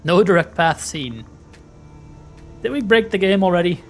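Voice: mid-range voice, animated, normal speed. A person giving casual let's-play commentary on a video game, playful and often talking to themself. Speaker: gaming streamer playing and commenting. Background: game music.

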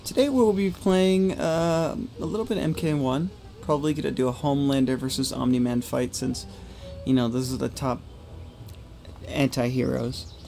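A man's voice: medium pitch, normal speed, creaky, dark tone. A man with a mid-range voice gives casual gameplay commentary as host. He talks in a rambling, conversational way, with faint music behind. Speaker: gaming channel host.

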